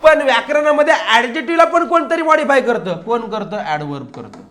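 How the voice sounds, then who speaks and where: A man teaching English grammar in a lively classroom style, asking questions and answering them himself, slowing down to read example sentences. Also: very high-pitched. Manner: lively, asks and answers his own questions.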